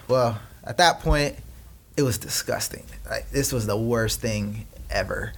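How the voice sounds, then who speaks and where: A young Peruvian man with a gravelly, mid-range voice, a company co-founder, chats as an interview guest. He tells family stories in quick bursts, packed with fillers, in a casual, storytelling way.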